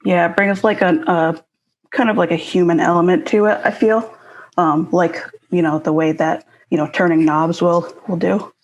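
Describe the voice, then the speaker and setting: Hesitant low-voiced woman from Connecticut. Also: steady tone, normal speed, dull audio. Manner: hesitant, many fillers and soft laughs. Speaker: guest musician. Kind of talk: casual chat on a live stream.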